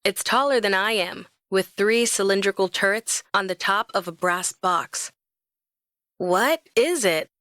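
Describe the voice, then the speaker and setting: Brief: young woman, romance audiobook narrator, lively and expressive, close dry read. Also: mid-range voice, normal speed, few pauses, smooth, no echo.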